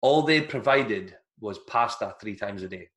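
A man, a former soldier, telling stories in a casual chat with a lively, laughing delivery. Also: on the low side, a little slow. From Scotland. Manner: animated, laughing storyteller who acts out voices. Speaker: guest, ex-soldier.

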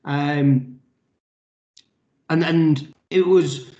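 Brief: chatty man, rugby analysis, slightly raised pitch, dull roomy audio. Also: steady tone, very slow, warm tone. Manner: chatty, analytical, many fillers. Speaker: rugby league podcast co-host. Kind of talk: casual sports chat.

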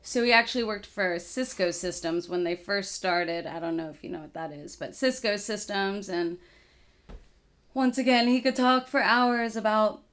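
A woman's voice: medium pitch, moderate pace, fairly bright tone. A young woman in her twenties from Texas, a guest in a casual interview, telling her family story in a rambling, chatty way.

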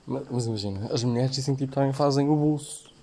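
A man's voice: medium pitch, fast, mellow. A young man with a European Portuguese accent chats casually and full of slang as a podcast co-host, recorded outdoors while walking. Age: young adult. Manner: slangy, peppered with filler words. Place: outdoors, walking along streets. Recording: noisy on-the-move ambient recording.

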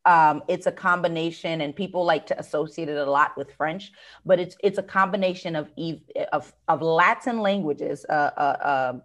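In a relaxed interview, a woman business owner from the United States explains her work in a deep voice at normal speed. She comes across as thoughtful and uses many fillers and restarts.

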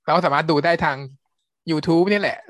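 A man co-hosting a podcast, retelling a series plot in a relaxed, meandering way. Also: on the high side, moderate pace. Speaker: podcast co-host, series reviewer. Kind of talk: casual review chat.

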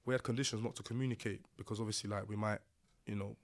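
A man's voice: fairly low pitch, fairly even intonation, rapid-fire. London man with a roadman street delivery. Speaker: podcast guest. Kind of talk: casual personal storytelling.

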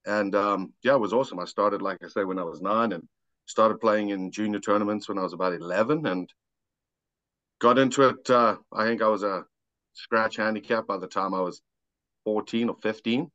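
Speaking at a moderate pace in a lowish, fairly bright voice, a South African man tells laid-back, self-deprecating personal stories as a podcast guest and amateur golfer. The recording is dull, lo-fi and dry, without echo.

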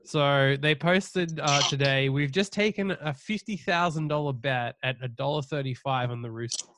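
A man's voice: a little high, moderate pace, background noise. A man hosting a podcast in casual sports betting banter, teasing and swearing freely. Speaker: podcast host.

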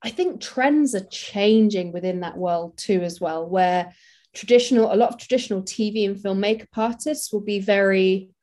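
A woman's voice: medium pitch, normal speed, warm tone. A woman, a makeup artist, talking casually and practically in an interview, with many fillers.

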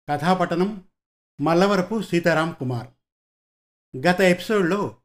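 A man narrating a serialized audio story in a measured, clearly announced storytelling manner. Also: sits high.

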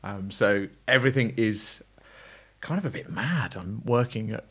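An agency founder appears as a podcast guest, chatting casually and rambling with plenty of fillers and restarts. His voice is fairly low and fairly bright with a breathy edge, and he speaks at a measured pace.

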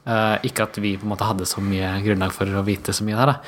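A man in a relaxed, chatty conversation about his drag group's past. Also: fairly low pitch, a little hiss or hum. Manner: relaxed, chatty, sprinkled with laughs. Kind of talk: casual chat.

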